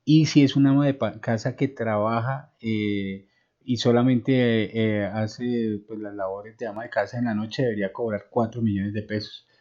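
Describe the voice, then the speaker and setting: Lecturer with a low dark voice. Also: male voice, fairly even intonation, normal speed. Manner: explanatory, with many "eh" fillers and homely examples. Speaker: university lecturer. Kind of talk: online class lecture. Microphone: online video call. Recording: dull lo-fi call audio.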